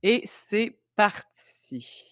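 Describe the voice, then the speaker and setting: A woman from Quebec, Canada, with a Québécois French accent presents an online sales meeting over a live video call from her home in Tulum. Her medium-pitched, fairly bright voice is expressive and very slow, chatty and upbeat, with frequent fillers as she greets people and reads out names from the chat. The recording is dry, with clean studio sound.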